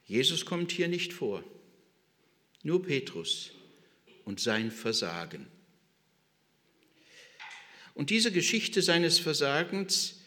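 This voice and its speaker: A man's voice: on the high side, pushed and bright. A man preaching a sermon, reading scripture and retelling it with dramatic emphasis. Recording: reverberant hall.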